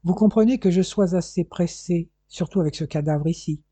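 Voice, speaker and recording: A reader voicing a stern middle-aged male police chief who gives curt, brisk orders, in audiobook dialogue. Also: medium pitch, dark tone, husky, no echo, lightly acted.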